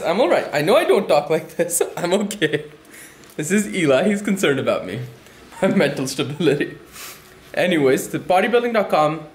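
A man's voice: fairly high pitch, roomy sound. A man talking in a casual, joking vlog style, playful and self-mocking. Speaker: vlogger. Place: at home with a pet.

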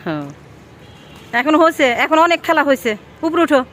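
A woman, talking casually and coaxingly to a child for a vlog, asking questions and giving gentle instructions outdoors by the water. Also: sits high, very animated, fairly quick, a little hiss or hum. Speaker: vlogger.

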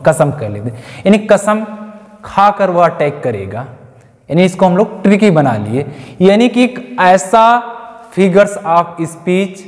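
A male teacher giving an exam-prep lecture, stretching out key English terms and asking rhetorical questions. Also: sits high. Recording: long hall reverb.

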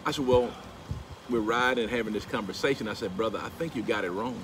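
Speaking quickly in a fairly low voice, a middle-aged man vlogs a story outdoors next to a house's pool, phone camera at arm's length. His animated delivery rises into emphatic preaching when he quotes scripture, and there is steady background noise.

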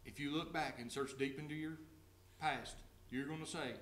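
In a reverberant church sanctuary, a male pastor preaches in a fairly high, steady and slightly bright voice that rings off the walls. He reads scripture slowly and deliberately, then retells it in plain everyday words and asks the congregation direct questions.

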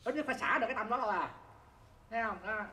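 A teacher speaks at a middle pitch in a roomy, echoing space with a faint hiss behind the voice. The talk is conversational, often asking listeners whether they see the point. The teacher chuckles easily while explaining. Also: lively intonation, racing, sharp tone. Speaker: Buddhist dharma teacher. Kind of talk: conversational dharma talk to an audience. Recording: roomy echo with faint background noise.

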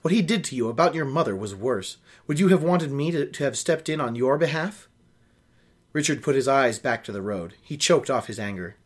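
A young man hosts a book reading show, reading a novel aloud in a small room at home and tossing in wry, casual asides. His voice is medium-pitched and slightly rough.

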